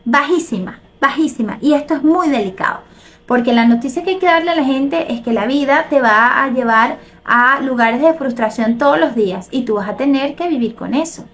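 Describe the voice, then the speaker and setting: A middle-aged Venezuelan woman with a Venezuelan accent, hosting a live show, reading viewer comments aloud and reacting in an animated way. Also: high-pitched, normal speed. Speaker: host.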